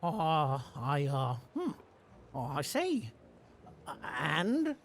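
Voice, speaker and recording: A woman's voice: low-pitched, huge pitch swings, drawn-out words, slight background noise, exaggerated voice. A woman voicing a fussy, hesitant, pompous ghost-story enthusiast in a video game. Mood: awkward, unimpressed. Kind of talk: video game character acting.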